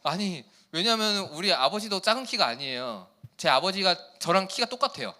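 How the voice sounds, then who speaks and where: A man's voice: high-pitched, expressive, a little fast, sharp tone. A young man preaching a casual sermon to teenagers, joking and asking the kids questions. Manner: playful, chatty, asks the kids questions. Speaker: youth pastor.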